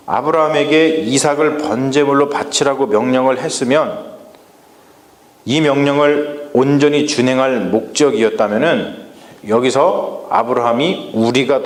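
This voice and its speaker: Male pastor, sermon delivery, asks the room questions, echoey sanctuary sound. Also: medium pitch. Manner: questions the congregation, acts out Bible lines in dialect. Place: church sanctuary. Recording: echoey church hall.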